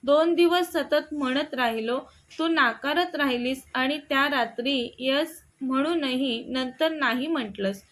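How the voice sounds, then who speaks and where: A woman voicing a stubborn young husband who feels hurt by his wife, speaking slowly in a high voice. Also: fairly bright tone.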